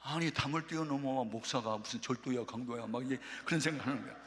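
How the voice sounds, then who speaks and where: Animated older pastor in an echoing hall. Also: male voice, mid-range voice, fast talker. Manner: animated, acts out dialogue. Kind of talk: storytelling sermon. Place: prayer retreat worship hall. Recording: reverberant sanctuary sound.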